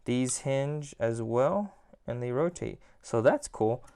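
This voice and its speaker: At home, a man gives a casual toy review that rambles along, chatty and full of filler like "again" and "like." His medium-pitched voice is animated yet slow, creaky and warm, with a clean sound.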